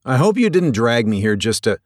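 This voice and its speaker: A man's voice: mid-range voice, very animated, a little fast, no room sound, clean studio sound, voice pushed up, lightly acted. A man voicing a fifty-ish male senior curator who speaks in a clipped, haughty way. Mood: haughty impatient.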